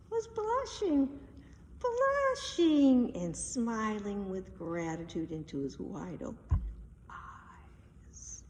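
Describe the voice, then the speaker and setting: This is expressive children's storybook narration by a woman whose medium-pitched voice is a little mellow, delivered with drama and emphasis. The mic is placed at a distance in an echoey hall, and some faint noise is audible.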